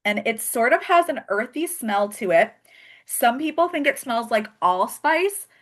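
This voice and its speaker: On the high side and sing-song, her fairly bright voice moves at a measured pace. She's a host and skincare consultant running a live product demo, joking, chatting, and laughing frequently as she goes step by step.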